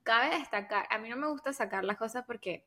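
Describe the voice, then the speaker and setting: A woman's voice: a little high, fairly quick, pushed and bright. A woman co-hosting a casual chat, telling stories in Spanglish, dropping English words into her Spanish. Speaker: podcast co-host.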